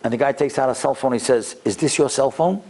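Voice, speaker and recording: A man's voice: mid-range voice, fast talker, darkish tone. A man giving an anecdotal, inspirational religious lecture as a rabbi, acting out dialogue and repeating words for emphasis.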